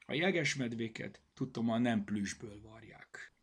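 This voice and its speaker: A man's voice: medium pitch, husky. A man doing a grumbling plush cat.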